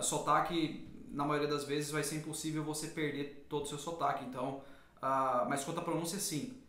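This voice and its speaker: A man from Brazil explaining language learning in a relaxed discussion. His voice sits slightly high for a man, with a roomy echo. He talks in a measured, thoughtful way, pausing on fillers. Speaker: English teacher and co-host. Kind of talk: casual lesson discussion.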